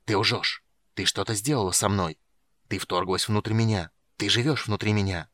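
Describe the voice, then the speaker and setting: A man's voice: fairly low pitch, steady tone, normal speed, fairly bright tone, dry recording, clean studio sound, natural voice. A man doing a sickly, hissing young mage. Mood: furious. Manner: hissing, harsh, coughing. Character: sickly bitter young male mage, furious.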